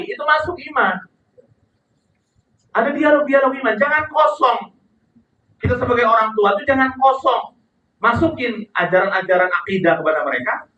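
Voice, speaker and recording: A man preaching a sermon, chanting verses slowly and pleading with his listeners. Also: sits high, slight background noise. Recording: echoey hall heard from far off over a tinny line.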